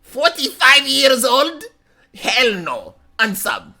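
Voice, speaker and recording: A man putting on the voice of an outraged, mocking male viewer, with squealing, drawn-out disbelief. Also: extremely high pitch, wildly swooping pitch, gravelly, sharp tone, voice pushed up, full character voice. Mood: scornful outrage.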